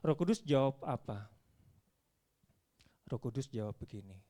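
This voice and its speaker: A man's voice: mid-range voice, unhurried. A male preacher giving a sermon in a church, telling stories and acting out dialogue. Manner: animated storytelling, acts out dialogue.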